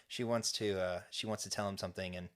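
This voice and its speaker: A man co-hosting a fan podcast recaps an episode in casual chat, his voice low, steady, a bit bright and fast. He rambles, with many restarts and fillers.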